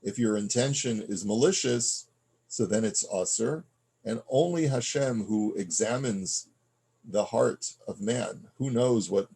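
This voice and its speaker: Man, rabbi, low voice, husky, reads Hebrew text and explains in English, conversational teaching, fillers and restarts. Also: a little slow, dark tone. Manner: reads Hebrew passages aloud, then explains them in plain conversational English; frequent fillers and restarts, checking in with the listener. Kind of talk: text study lesson.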